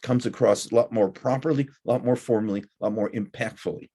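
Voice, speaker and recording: A middle-aged man teaching a recorded college lecture, talking deliberately with frequent "uh" fillers. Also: mid-range voice, fairly even intonation, mellow, husky. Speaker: college instructor.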